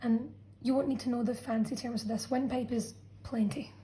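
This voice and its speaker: This is a revision lesson narrated over a drawn diagram by a woman science teacher who explains patiently and frequently pauses to check in. A slightly high, mellow, warm voice and a steady tone give it the feel of a friendly classroom explanation, though the recording is low quality.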